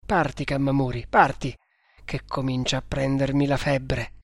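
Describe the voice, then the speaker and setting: A man's voice: mid-range voice, flat delivery, moderate pace, gravelly, dry recording, studio quality. A man voicing a bold, lovestruck male hunter who speaks firmly and resolutely. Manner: firm, resolute.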